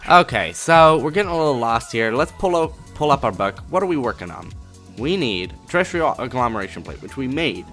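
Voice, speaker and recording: A man hosting a video game let's play, commenting in a profane, excitable and jokey way. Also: medium pitch, fairly quick, faint music behind.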